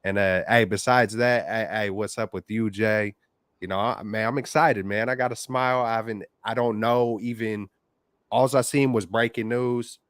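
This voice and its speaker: Male sports-fan caller, American, over the phone. Lowish voice, dry sound, informal and slangy. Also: fairly even intonation, moderate pace, fairly bright tone, dry recording. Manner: slangy, informal, frequent "man" and "bro". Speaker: caller on a live sports call-in show. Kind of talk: casual excited fan chat.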